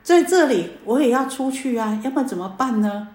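A woman's voice: fairly high pitch, animated, brisk, a little mellow, close to an everyday voice. A woman voicing a young male thief who complains and schemes while she tells a story in a sermon, in an echoey room. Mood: indignant.

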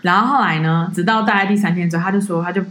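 Fast-talking woman telling tour-guide stories. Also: fairly low pitch, reverberant, crowd noise. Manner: animated storyteller, acts out quoted people. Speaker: podcast co-host, tour leader. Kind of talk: casual podcast chat, storytelling.

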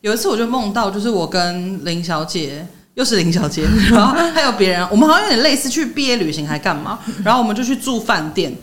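A young woman co-hosting a podcast, telling a story in an animated way and laughing often. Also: medium pitch, fast talker, hardly any pauses. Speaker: podcast co-host. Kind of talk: casual chat.

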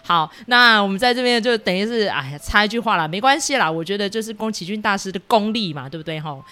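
A woman hosting a casual film recap, chatty and full of sentence-final particles, who acts out quoted lines with sudden jumps in pitch. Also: lively intonation, quick pace, bright, forceful tone. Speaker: film review host.

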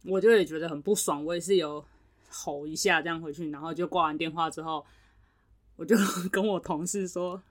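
A woman's voice: low-pitched, brisk. A young woman, co-hosting a podcast and telling a work story in casual chat, acting out what others said. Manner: animated retelling, acts out quoted voices. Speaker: podcast co-host.

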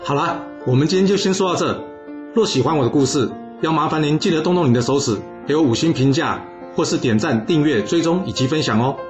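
Fast host over guitar. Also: male voice, fairly high pitch. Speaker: podcast host. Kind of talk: podcast outro. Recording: dull lo-fi with guitar music.

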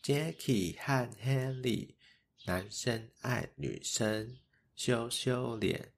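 A man voicing a group of young schoolchildren teasing two classmates in a slow, sing-song chant for a storybook tale. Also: mid-range voice, creaky, voice pushed up, exaggerated voice. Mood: mocking.

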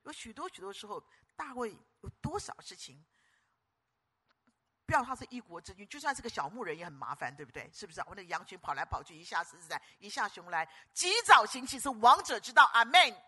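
An older woman preaching a sermon, moving between hushed storytelling and loud, rousing calls to the congregation. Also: lowish voice, quick pace, breathy edge. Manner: animated, swings from hushed storytelling to loud exhortation.

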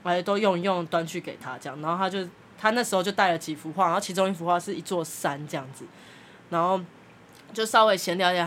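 A woman's voice: lowish voice, fairly bright tone, slight background noise. A woman podcast host, telling a story in casual chat and acting out the people she quotes, with frequent laughter.

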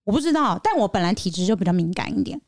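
A young woman from Taiwan co-hosts a casual podcast, talking fast with a lively, swooping voice. Her pitch sits a little high, and the sound is close and dry. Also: dry recording. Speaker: podcast co-host. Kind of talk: casual chat.

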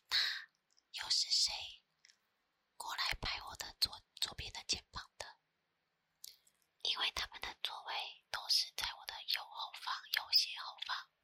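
Taiwanese mandarin accent woman doing asmr storytime, all whispered, breathy and crisp bright, right up on the mic. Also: no echo. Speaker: ASMR creator. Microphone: close ASMR microphone.

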